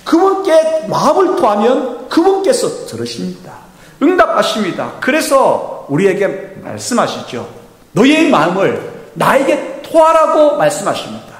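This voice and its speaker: A man's voice: high voice, huge pitch swings, a little slow. A man preaching a Sunday sermon with emphasis, now and then acting out quoted speech. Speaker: pastor. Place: church sanctuary. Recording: echoey church hall.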